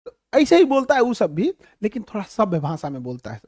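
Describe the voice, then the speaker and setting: Animated Bihari-accented male teacher. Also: sits high, brisk, no room sound, clean studio sound. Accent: Bihari Hindi. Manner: animated and humorous, addresses students as "babu". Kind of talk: classroom lecture.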